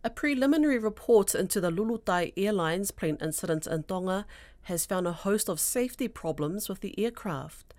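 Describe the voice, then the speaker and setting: A woman's voice: mid-range voice, lively intonation, normal speed, a little mellow, slight background noise. A woman presenting scripted radio news in a studio.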